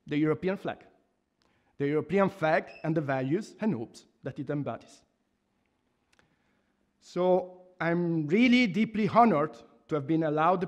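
Reading from notes at a lectern in a university hall, a man in his thirties from Italy gives a formal laudation as a professor, his Italian-accented voice on the high side. He is earnest and measured, with restarts and emphatic pauses, speaking into a microphone on a stand.

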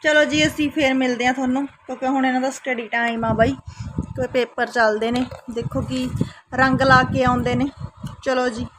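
A woman's voice: high voice, fairly even intonation, normal speed, a bit bright, a little hiss or hum. A woman from Punjab in her thirties, a mother chatting casually to her family vlog audience and often tagging "isn't it" onto her sentences. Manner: chatty, keeps adding "isn't it" tags.

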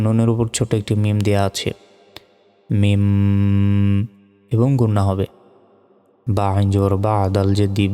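A man with a Bangladeshi Bengali accent teaches Quran reading, spelling out letters and vowel marks syllable by syllable in an unhurried, even way. His voice is low, mellow and smooth. It rings with a long hall reverb over faint background music.

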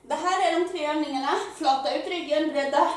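A woman fitness coach who is out of breath, leading a workout with energetic, loud exclamations while she exercises. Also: sits high. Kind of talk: live workout instruction. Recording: very echoey room, mic far off, faint noise.

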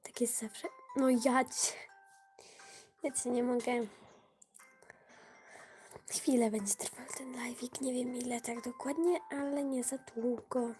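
Slow, whispery woman streamer with a cold. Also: on the high side, steady tone, darkish tone, faint music behind. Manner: often drops to a whisper while playing; chatty asides to viewers, easily flustered. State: voice affected by a cold. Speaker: gaming livestreamer. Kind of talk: casual live gaming stream.

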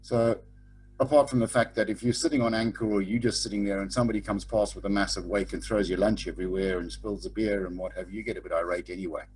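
A middle-aged sailing instructor gives an online lecture over a webcam call, blunt and informal, tacking "okay?" onto his points again and again. His lowish voice is steady, quick, a little mellow and husky. The recording quality is low.

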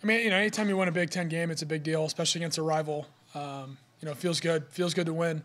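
Reporters question a young college quarterback after the game, and he replies via podium mic against a sponsor backdrop. "You know" fills his fast, steady answers, delivered in a fairly high-pitched voice.

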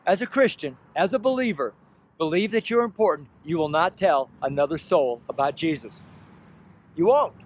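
A man in his sixties preaching outdoors beside a road, talking earnestly into a camera held at arm's length and repeating his points with pleading emphasis. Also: high-pitched. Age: 60s. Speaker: street preacher. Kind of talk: outdoor street sermon to camera. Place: roadside outdoors by traffic. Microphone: selfie camera at arm's length. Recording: faint traffic noise outdoors.

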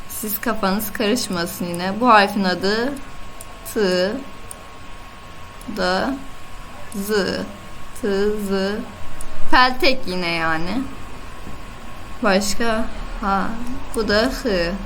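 A woman with a Turkish accent teaching Arabic letters in an online lesson, patiently repeating each sound slowly. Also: mid-range voice, a bit bright, slight background noise, poor audio. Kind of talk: online lesson, screen-share.

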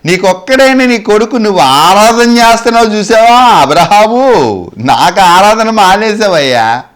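A man's voice: sits high, lively intonation, measured pace, fairly bright tone, voice pushed up. God, a teasing mighty male deity, as a preacher voices him. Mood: mocking. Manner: mocking, then grave.

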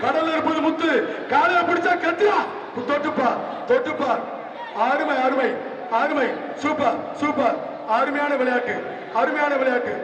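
Man shouting through an arena loudspeaker. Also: extremely high pitch, moderate pace, pauses often, slight background noise. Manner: excited, shouting, repeating short cries. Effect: heard through a public-address loudspeaker. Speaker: bull-taming event announcer. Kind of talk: live commentary over loudspeaker. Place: open-air arena with a large crowd. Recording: echoing loudspeaker from far off over crowd.

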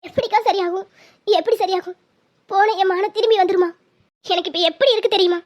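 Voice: extremely high pitch, fairly even intonation, brisk. A performer voicing a tearful, frightened young woman in a cartoon serial. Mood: grieving. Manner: distressed, questioning. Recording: dull lo-fi sound.

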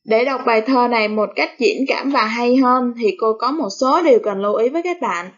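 A woman primary school teacher with a Southern Vietnamese accent, giving a recorded reading lesson in a slow, careful, over-articulated classroom manner. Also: on the high side. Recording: dull lo-fi recording.

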